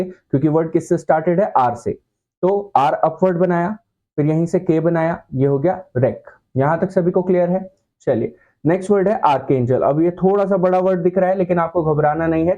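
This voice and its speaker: A man's voice: a little high, warm tone. A man teaching a shorthand class in mixed with terms, patiently asking the students questions and answering them himself. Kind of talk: classroom lesson. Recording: dull lo-fi recording.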